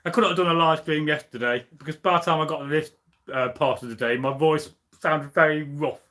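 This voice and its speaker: Speaking fairly quickly with a bright, forceful tone and fairly high pitch, this young man from the UK hosts a history channel. He rambles casually on a home live stream, full of fillers and restarts, recorded by a tripod-mounted camera.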